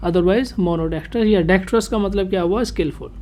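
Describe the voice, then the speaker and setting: A woman's voice: mid-range voice, a little slow, a little mellow. Lady teacher doing a grammar lesson, asks her own questions, keeps saying theek hai. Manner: asks rhetorical questions and answers them herself; repeats "theek hai" as a check-in. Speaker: English teacher. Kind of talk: exam-prep grammar lesson.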